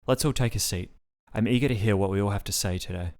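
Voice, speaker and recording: A man reading the part of a calm, rule-bound woman doctor in a storybook reading. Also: lowish voice, quick pace, close to an everyday voice. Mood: polite.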